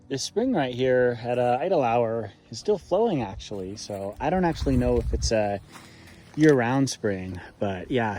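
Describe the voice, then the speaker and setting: A man vlogging outdoors on a mountain hike, talking in a relaxed, rambling way with lots of fillers. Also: medium pitch. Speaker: hiking vlogger. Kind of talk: casual trail narration.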